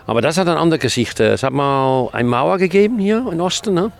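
A man's voice: on the high side, expressive, a little fast, gravelly. A man from the Netherlands with a Dutch accent, chatting outdoors at a festival and telling a story, often ending sentences with a tag question. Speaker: longtime festival regular. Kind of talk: casual storytelling interview.

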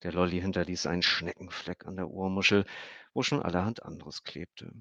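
A man reads a story aloud in a calm, wry way, his voice sitting on the low side. The recording is dry and close, with a slightly dull sound. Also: a little fast, no room sound. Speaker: audiobook narrator. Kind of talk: scripted narration.

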